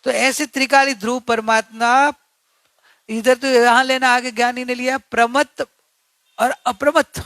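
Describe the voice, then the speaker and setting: A man's voice: very high voice, flat delivery, unhurried, bright, forceful tone, no room sound. A man giving an earnest religious discourse, repeating key points and asking rhetorical questions. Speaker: spiritual teacher.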